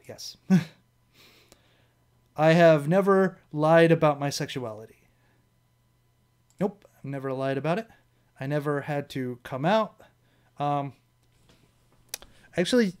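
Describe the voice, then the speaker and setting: This young man, a vlog show host with a Midwestern American accent, gives casual solo commentary while reading quiz items, rambling, swearing, and laughing whenever he corrects himself. He has a clear, resonant voice at medium pitch.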